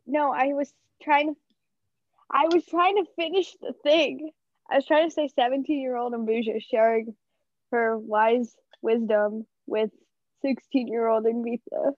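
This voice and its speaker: A woman's voice: on the high side, fairly even intonation, a little slow, dry recording. A chatty woman co-hosting a casual chat over a video call, rambling with lots of fillers, her voice wobbling and warbling as the call glitches. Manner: chatty, rambling, full of "like" and restarts. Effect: glitchy, wobbly warbling video-call audio. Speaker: podcast co-host. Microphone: computer mic on a video call. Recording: muffled, dry video-call audio.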